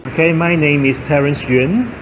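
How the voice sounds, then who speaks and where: A man, a social impact institute founder, speaking plainly with filler pauses. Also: fairly high pitch, music in the background, rough recording. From Hong Kong.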